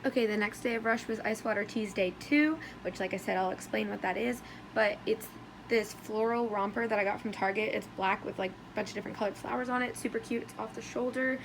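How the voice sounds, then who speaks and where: A young American woman chatting casually in a vlog with bubbly sorority-girl energy, her voice hoarse as if she is losing it. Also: mid-range voice, fairly quick, noisy background. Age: young adult. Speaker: vlogger.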